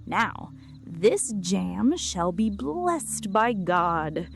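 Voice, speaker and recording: A woman's voice: medium pitch, sing-song, drawn-out words, vocal fry, full character voice. Woman playing a cheerful, lilting little tailor. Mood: contented. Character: cheerful little male tailor in a fairy tale. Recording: music behind the voice.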